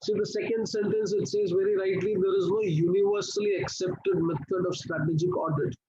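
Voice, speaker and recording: A man's voice: sits high, steady tone, brisk, dark tone, dull audio. A man with an Indian accent teaching an online class, coaxing students to pay attention and asking questions he answers himself. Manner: coaxing, checks attention, asks and answers own questions, drops into Hindi. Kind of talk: live online class lecture, explaining to students.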